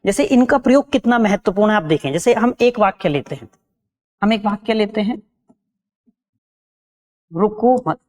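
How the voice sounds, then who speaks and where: A woman's voice: medium pitch, expressive, a little fast, darkish tone. A woman teaching an exam-prep lesson. She repeats key terms and asks her students rhetorical questions.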